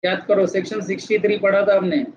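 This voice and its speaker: In a classroom, a fairly high-voiced man lectures while switching between Hindi and English, repeatedly asking his students if they're following. He speaks quickly with little pitch movement, and the lo-fi, somewhat dull recording carries a faint hiss or hum.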